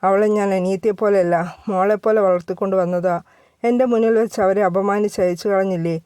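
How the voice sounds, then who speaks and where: A woman's voice: mid-range voice, fairly even intonation, a little fast, dark tone, smooth, no room sound, natural voice. A woman voicing a middle-aged mother lamenting through tears, in a storybook reading.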